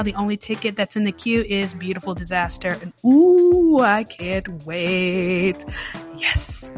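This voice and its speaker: A woman's voice: medium pitch, fairly bright tone. A woman hosting her own podcast, casually reviewing films in a candid, chatty way and often repeating herself for emphasis. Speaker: podcast host. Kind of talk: casual solo film review. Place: New Orleans.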